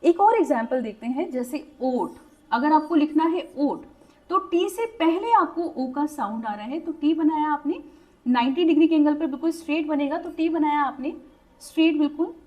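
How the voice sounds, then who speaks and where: A young woman with a high voice teaches shorthand step by step. She mixes Hindi with English terms and keeps checking in with her learners after each point. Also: animated, moderate pace, a little mellow, rough recording. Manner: patient, repeats "ठीक है" to check understanding. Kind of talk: step-by-step tutorial.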